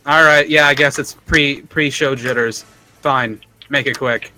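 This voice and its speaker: A deadpan Goliath woman guard, acted out by a male game master, blunt and suspicious. The delivery is flat and unimpressed, over background music. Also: medium pitch, a little slow, rough recording. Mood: grudging.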